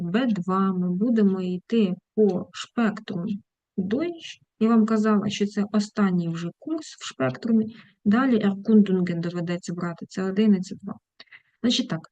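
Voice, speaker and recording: A woman's voice: medium pitch, mellow, no echo, muffled recording. Woman teaching German grammar online. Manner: explains, then asks the class "got it?"; slows down to read German example sentences. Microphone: video call.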